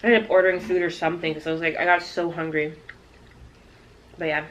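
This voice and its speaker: A woman with a slightly low voice tells stories in a casual, chatty vlog style. She speaks straight to her viewers in a conversational way, with faint noise behind her. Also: little pitch movement, fast talker, low-quality recording. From Toronto, Canada. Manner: conversational, addressing viewers directly. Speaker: YouTube vlogger. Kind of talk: casual chatty mukbang storytime.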